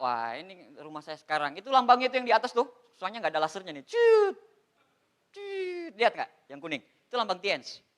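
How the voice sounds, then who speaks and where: Indonesian guy in his 30s doing a seminar, high voice, keeps joking and calling people pak. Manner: animated, joking, addresses audience as Pak. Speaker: motivational speaker on MLM. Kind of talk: motivational seminar talk.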